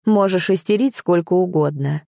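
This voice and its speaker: A woman's voice: on the low side, normal speed, gravelly, dark tone, no echo, clean studio sound. A woman voicing a domineering, possessive young man in an audiobook, speaking in short, commanding phrases. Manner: curt, commanding. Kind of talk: audiobook character voice.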